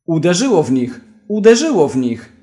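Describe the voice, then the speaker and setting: Man reading brash young smuggler, urgent shouts, slow delivery. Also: on the high side, expressive. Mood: excited. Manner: shouting urgently over danger.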